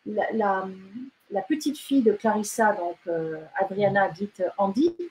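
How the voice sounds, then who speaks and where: A woman's voice: medium pitch, lively intonation, measured pace, darkish tone, a little hiss or hum, rough recording. A woman novelist talking casually in an interview, hesitant, with many fillers and restarts. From France and Britain. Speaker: novelist guest.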